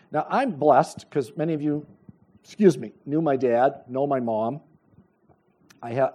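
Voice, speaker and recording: A middle-aged man preaching a sermon, telling a personal story with lively storytelling and acted-out dialogue. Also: mid-range voice, breathy edge. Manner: animated storytelling, acts out dialogue, chuckles. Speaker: pastor.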